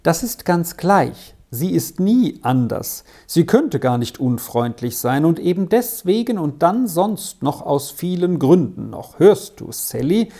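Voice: mid-range voice, very animated, unhurried, hardly any pauses, warm tone, pitched above the performer's own voice. A storybook reader voicing Marianne, a caring woman who warns a child insistently. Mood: stern. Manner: warning, insistent.

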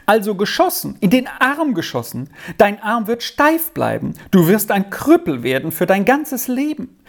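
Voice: expressive, unhurried. Reader putting on a wailing, frantic old-fashioned aunt. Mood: lamenting. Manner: high, loud, wailing. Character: fretful wailing aunt, woman, middle-aged.

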